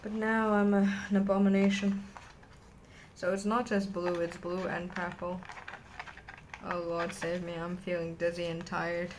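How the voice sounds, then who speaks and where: A woman with a lowish voice gushes to camera at her desk. She rambles happily in a casual vlog chat. Faint hiss sits under her words. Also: flat delivery, a little slow, poor audio. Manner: gushing, rambling and enthusiastic. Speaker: vlogger unboxing a stationery haul.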